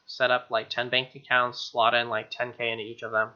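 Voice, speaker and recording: Over guitar-driven game music, a young man hosting a let's play reads the on-screen text and adds slangy, irreverent remarks. His medium-pitched voice is pushed and bright but monotone, and he talks fairly quickly into a dull, lo-fi microphone.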